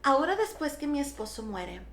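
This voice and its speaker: A brisk, high-sitting female voice carries reverb and a little background noise. She's a middle-aged pastor in a radio studio, animatedly narrating her testimony and playing out the remembered dialogue.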